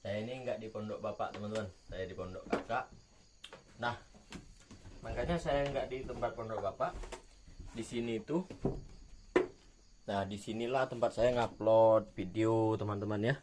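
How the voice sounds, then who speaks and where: A man's voice: fairly low pitch, steady tone, measured pace, long pauses. A man talking casually to his viewers in a vlog from a rural hut, addressing them as friends and repeating himself. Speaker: vlogger. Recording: noisy outdoor audio with roosters clucking.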